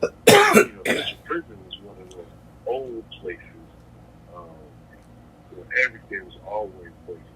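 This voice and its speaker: This man's fairly low voice swoops wildly in pitch, and his tone is bright and forceful; he talks at a normal speed but pauses often. Calling from a correctional facility on a noisy handset line, he shares anecdotes as an interviewee in a casual, reflective, plain-spoken way.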